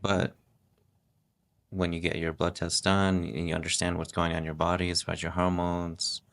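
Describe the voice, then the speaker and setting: The host's husband joins the podcast as a guest for some casual interview talk. A middle-aged man with a deep, gravelly voice, he speaks monotonously and in a relaxed way, often halting and starting his sentences over.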